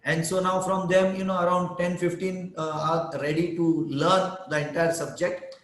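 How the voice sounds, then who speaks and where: A man explains in a conversational teacher's way. His voice sits slightly high. The call audio is echoey and roomy. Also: little pitch movement, moderate pace. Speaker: webinar teacher.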